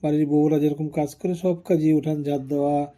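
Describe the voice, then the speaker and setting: A man playing a self-pitying, overworked son-in-law in a scripted comic phone skit, whining in a low, muffled voice. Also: level tone, fairly quick, mellow, lightly acted. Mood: complaining. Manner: whiny, complaining, lowered voice.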